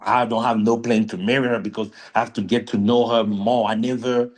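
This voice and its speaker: A man's voice: medium pitch, little pitch movement, fairly quick, a little mellow. A man from Cameroon telling his story as a guest in an interview over a video call, hesitant and plain-spoken. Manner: hesitant, simple phrasing with fillers.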